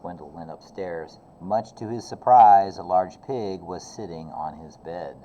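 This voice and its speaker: A man with a low, warm voice reads a children's storybook aloud a little slowly, expressive in the manner of a teacher. The recording sounds slightly dull, with faint background noise.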